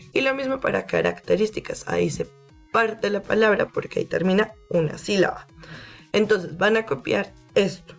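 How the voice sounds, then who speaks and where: Woman teaching small children, slightly gravelly. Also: mid-range voice. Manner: patient, explains step by step to small children. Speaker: primary school teacher. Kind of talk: online video class for young children.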